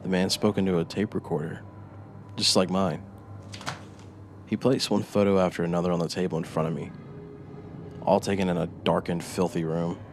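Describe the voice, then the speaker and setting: A man narrating a scripted horror story with a dramatic delivery that moves between hushed menace and eager swells. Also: low voice, steady tone, moderate pace, long pauses, slight background noise.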